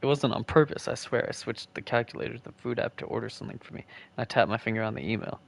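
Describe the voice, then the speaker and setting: A man's voice: mid-range voice, racing, vocal fry. A man reading the first-person narration of a nervous, curious young man in a game, now and then stammering. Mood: anxious.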